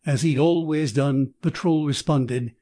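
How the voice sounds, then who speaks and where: A man's synthetic text-to-speech voice reading scripted audiobook narration in an even, measured way. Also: a little high, dry recording, clean studio sound.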